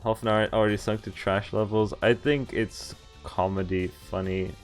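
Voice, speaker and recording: A streamer with a voice on the low side reads visual novel text aloud at normal speed, his tone steady. Game music plays behind him as he drops in amused, casual jokes.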